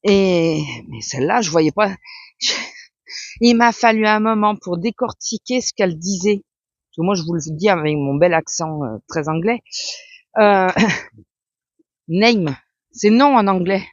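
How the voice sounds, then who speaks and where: A woman's voice: lowish voice, animated, moderate pace, no room sound. Woman vlogger, casual rambling chat, muffled dry home recording. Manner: rambling, chatty, many fillers. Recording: dull lo-fi sound.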